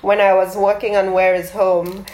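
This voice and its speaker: A woman's voice: medium pitch, level tone, normal speed, a little mellow. A woman artist being interviewed about her project, talking thoughtfully with many fillers and restarts. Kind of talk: casual interview talk. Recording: roomy echoey sound.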